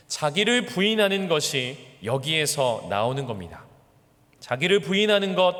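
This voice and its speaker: Male pastor, sermon, high voice, lively swinging pitch, long church reverb. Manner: earnest preaching with wide swings in pitch and loudness. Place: church sanctuary.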